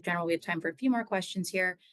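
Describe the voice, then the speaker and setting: A woman with a fairly low voice moderates a press briefing. She reads out questions in a polite, businesslike manner. The sound is very dry, with almost no room around her. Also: racing, fairly bright tone, dry recording. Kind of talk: reading out reporters' questions.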